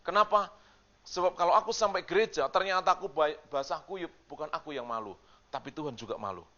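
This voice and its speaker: A man preaching a sermon in a bright, ringing voice pitched a little high. He swings from loud, fervent passages to quiet, chatty storytelling and keeps asking the congregation questions. The recording is dull and lo-fi. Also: fairly quick. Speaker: pastor.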